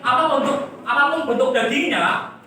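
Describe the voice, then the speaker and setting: A woman's voice: high-pitched, lively intonation, normal speed, background noise. Woman teacher quizzing a class. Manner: quizzes and coaxes the class with repeated questions. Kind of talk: classroom lesson. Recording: echoey classroom from far off.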